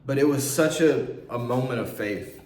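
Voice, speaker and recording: A young man telling an emotional personal story to camera, earnest and halting, close to tears. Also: mid-range voice, darkish tone. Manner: earnest, halting, with many restarts. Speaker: vlogger. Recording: echoey room.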